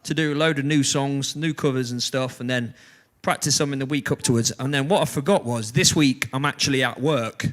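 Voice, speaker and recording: A man's voice: medium pitch, fairly quick, few pauses, fairly bright tone. A man hosting a band's livestream from a home kitchen, chatting casually and laughing at himself often. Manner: self-mocking, laughs often. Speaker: band livestream host and singer. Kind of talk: casual banter.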